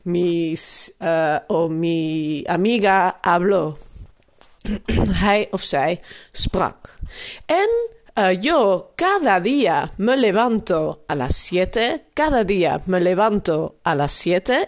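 A woman hosting a language podcast, teaching patiently and repeating phrases with hesitant fillers. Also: medium pitch. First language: Dutch.

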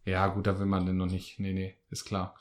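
A man's voice: low-pitched, completely flat delivery, brisk. A man hosting a podcast in a casual chat, joking, teasing and rambling. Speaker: podcast host.

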